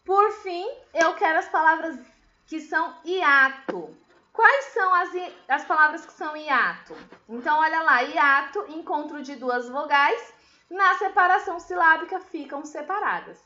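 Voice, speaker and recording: A woman's voice: high-pitched, measured pace, bright, forceful tone, roomy sound, muffled recording. A woman teacher giving a recorded lesson, explaining patiently step by step and asking her pupils questions. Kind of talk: recorded remote class lesson.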